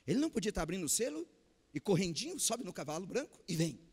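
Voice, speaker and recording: A high-voiced Brazilian man preaches a Sunday sermon with a Brazilian Portuguese accent, his pitch leaping up and down as he calls out questions to the congregation. He swings between loud declarations and hushed asides. His voice rings through a church hall with a long, trailing reverb. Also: very animated, quick pace, breathy edge.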